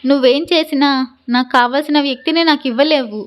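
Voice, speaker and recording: Heartbroken young girl, hesitant, pleading, pitched well up, voiced by a woman narrator. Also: steady tone, brisk, lightly acted. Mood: tearful pleading. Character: young woman, lovesick and tearful granddaughter. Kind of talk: storybook narration with voiced dialogue.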